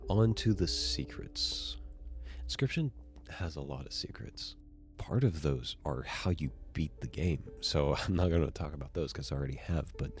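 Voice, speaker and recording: A man narrating a casual video essay, excitable and swearing freely as he gushes. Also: a bass voice, breathy edge. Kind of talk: casual enthusiastic commentary.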